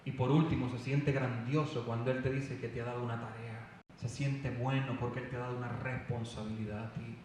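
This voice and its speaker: A man preaching a fervent sermon with loud emphatic calls. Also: medium pitch, little pitch movement, brisk, few pauses, a little hiss or hum. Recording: echoey hall, voice from far off.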